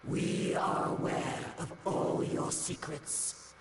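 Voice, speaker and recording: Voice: medium pitch, slow, heavy background noise, lightly acted. An actor voicing an ominous, collective alien hive mind that speaks coldly and commandingly as "we". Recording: echoey distant voice under loud game music.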